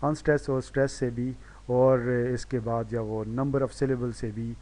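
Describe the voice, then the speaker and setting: Patient man teaching pronunciation slowly. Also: mid-range voice, flat delivery, dark tone. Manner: explains patiently, repeats example words slowly; self-correcting with "sorry". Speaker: English teacher. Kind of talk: recorded lesson.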